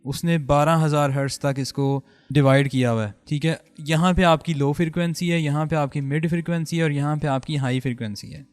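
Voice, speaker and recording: A man's voice: a little high, fairly even intonation, few pauses, in a large hall. A man hosting an audio tutorial, explaining step by step in a patient way while he adjusts a mixer, talking through a studio microphone.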